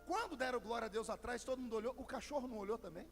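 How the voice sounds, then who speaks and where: High-voiced gravelly man preaching. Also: rapid-fire. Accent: Brazilian Portuguese. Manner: storytelling with sudden shouted crescendos. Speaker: pastor. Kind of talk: Pentecostal sermon. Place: large church hall. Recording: long hall reverb with faint music.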